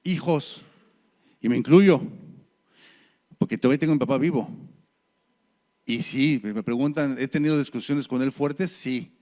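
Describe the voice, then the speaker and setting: A middle-aged man with a Mexican Spanish accent, preaching a sermon in a church, telling stories and swinging his pitch and loudness.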